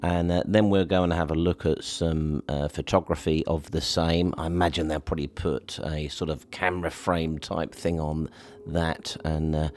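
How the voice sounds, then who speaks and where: Man, very deep voice, husky and dreamy, laid-back studio voiceover. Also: darkish tone. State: husky, slightly dreamy put-on voice. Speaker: video host. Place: home studio.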